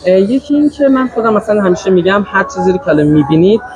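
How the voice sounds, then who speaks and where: A man's voice: high voice, lively intonation, music in the background. A man hosting an interview podcast, asking questions with many hesitant fillers. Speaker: podcast host.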